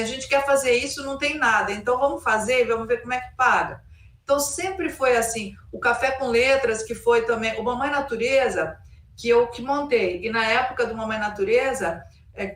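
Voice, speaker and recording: A middle-aged woman speaks in a fairly high voice, some way from the microphone in a roomy, echoing space. She recollects informally as an interview guest, rambling and quoting remarks as she goes. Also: a bit bright. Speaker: interview guest, cultural producer. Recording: roomy echo, distant microphone.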